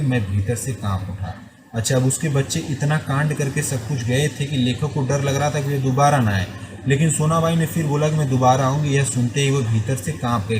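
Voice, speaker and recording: A man's voice: medium pitch, rough recording. A male teacher reading a story aloud and explaining its words, line by line, with frequent checks. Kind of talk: explaining a textbook lesson.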